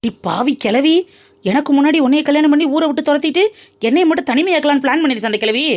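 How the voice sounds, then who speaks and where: A woman's voice: sits high, quick pace, background noise, lightly acted. A woman voicing Muthu, a young woman's playful, dramatic best friend in a cartoon. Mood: teasing. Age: young adult. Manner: teasing, dramatic and chatty. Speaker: cartoon character. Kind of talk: cartoon voice acting.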